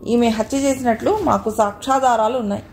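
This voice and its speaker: Woman voicing a firm male police inspector in a storybook reading, slightly high and mellow. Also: fairly even intonation, fairly quick, slight background noise, lightly acted. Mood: stern. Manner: firm, official.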